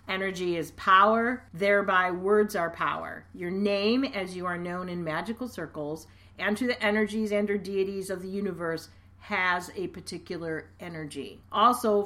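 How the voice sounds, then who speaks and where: A woman's voice: on the low side, pushed and bright. A middle-aged woman co-hosting a podcast, explaining steadily and laughing easily in casual chat. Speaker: podcast co-host.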